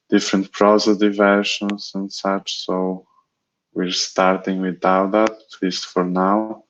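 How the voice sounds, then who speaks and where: A developer explaining technical work on a video call, slow and hesitant. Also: male voice, sits low. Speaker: developer on the team. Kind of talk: casual update on a video call. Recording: dull lo-fi call audio.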